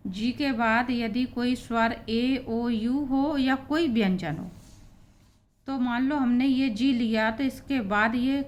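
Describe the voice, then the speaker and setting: A woman's voice: a little high, slow pace. A woman with a Hindi accent teaching English pronunciation rules, spelling out letters and patiently repeating example words. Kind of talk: blackboard lesson explaining spelling rules.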